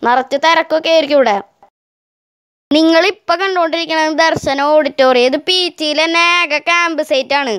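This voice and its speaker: Speaking a little fast in a high, slightly bright voice, this travel vlogger addresses her audience in chatty Malayalam mixed with English, with a Kerala accent.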